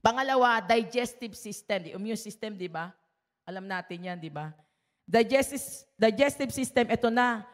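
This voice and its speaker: Woman pastor, somewhat high voice, chatty sermon full of tag questions, heard with hall reverb. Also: animated, normal speed. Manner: conversational preaching, often adds tag questions.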